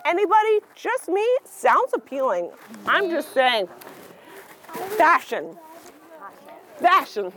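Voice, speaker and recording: Sassy drag queen storyteller, very high animated voice. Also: slow, pauses often, a little hiss or hum. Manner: theatrical, exclamatory, prompts the audience to call back. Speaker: storytime reader and performer for preschoolers. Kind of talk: animated children's read-aloud with audience questions.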